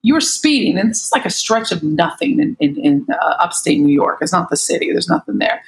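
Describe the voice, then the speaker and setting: Woman, middle-aged, American, casual panel talk, lively storyteller. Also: low-pitched, fairly quick, creaky, rough recording. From United States. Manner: animated storyteller who acts out quotes. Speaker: panel guest.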